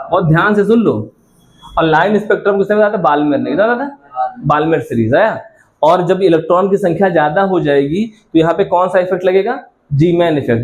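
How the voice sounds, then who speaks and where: A man's voice: sits high, a little mellow. A male science teacher giving a classroom lecture, repeatedly asking students questions and answering them himself, calling them child affectionately.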